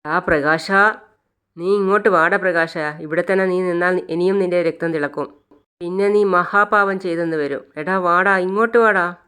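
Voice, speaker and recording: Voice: medium pitch, normal speed, sharp tone, smooth, natural voice. Narrator doing a fretful, pleading old mother. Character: worried older mother, pleading.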